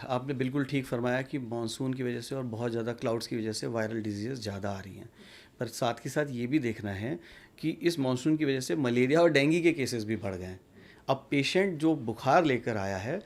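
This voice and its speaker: Gravelly-voiced male doctor explaining calmly. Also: mid-range voice. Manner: measured, explanatory, mixes English terms. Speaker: doctor, guest. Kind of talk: medical interview answers.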